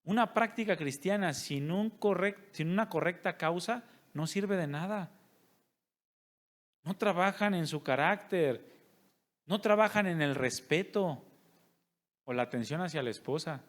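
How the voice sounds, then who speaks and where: A man's voice: high voice, a little slow. A male pastor, preaching a sermon and putting rhetorical questions to his congregation. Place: church service.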